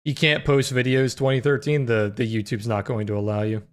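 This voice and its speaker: A deep-voiced man hosts a trading livestream, talking fairly quickly in a relaxed, filler-heavy way and answering questions from chat. His naturally deep voice sometimes cracks high, and the talk is casual live-stream chat with chat readers.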